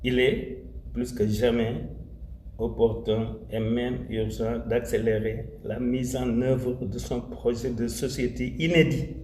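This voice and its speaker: A man with a Senegalese French accent delivers a formal commemorative address, slow and deliberate. He is solemn and emphatic, dwells on key phrases and mixes in Wolof phrases. His voice carries a roomy echo over a faint hum of ambience. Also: medium pitch, little pitch movement, darkish tone. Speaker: religious community speaker.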